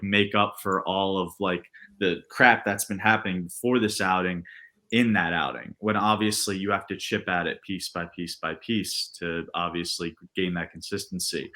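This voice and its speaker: Young guy w a really low but bright voice, earnest, lots of um and restarts, podcast guest. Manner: earnest, rambling with many restarts and fillers. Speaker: podcast guest, baseball pitcher. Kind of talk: casual interview answers.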